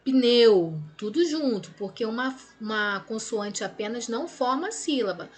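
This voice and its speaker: A woman with a Brazilian Portuguese accent teaches grammar in a recorded lesson, going over exercises step by step. Her voice is slightly high and expressive, with a measured pace, and she draws words out syllable by syllable while often checking in with her students.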